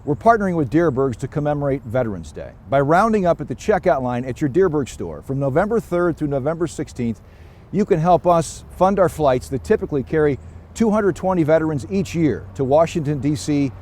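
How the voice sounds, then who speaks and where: An American man presenting a scripted public service story in a measured, formal delivery. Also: on the high side, warm tone.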